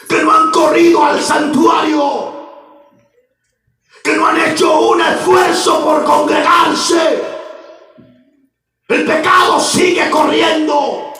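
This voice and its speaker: A male pastor preaching a sermon, shouting with fervor and repeating calls to the congregation. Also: very high-pitched, distant mic. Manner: impassioned, shouting, repeating "aleluya" and "hermano". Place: church sanctuary. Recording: roomy echoing church sound, from afar.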